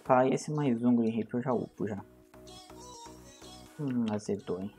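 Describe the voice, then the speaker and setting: A man's voice: medium pitch, normal speed, dark tone, soft background music. A man with a Brazilian Portuguese accent, chatting casually to viewers while streaming a game over a headset microphone. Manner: slangy, laid-back chatter to viewers. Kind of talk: casual gameplay commentary on a livestream. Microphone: livestream headset microphone.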